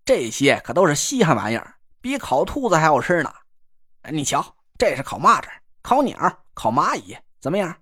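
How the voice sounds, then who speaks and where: A man's voice: fairly high pitch, sing-song, normal speed, bright, forceful tone, slightly rough, dry recording, clean studio sound, pitched below the performer's own voice, heavily acted. A man voicing a cocky, joking young man who teases his friend while cooking. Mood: teasing. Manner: teasing, boastful, chatty slang. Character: cocky joking young male camp cook. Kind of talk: audiobook character voice.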